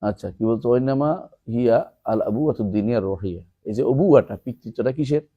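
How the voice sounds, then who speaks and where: A man, teaching a classroom lesson, asking his students questions and reciting Arabic verses slowly. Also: mid-range voice, breathy edge, dull audio. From Bangladesh. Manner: asks students questions and explains term by term. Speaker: teacher of an Islamic text class.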